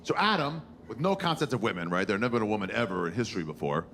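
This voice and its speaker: A man's voice: on the low side, very animated, racing, a bit bright, slight background noise. A man in his forties doing stand-up on stage, telling crude, wry stories. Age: 40s. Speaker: comedian. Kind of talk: stand-up comedy. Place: stage before a live audience.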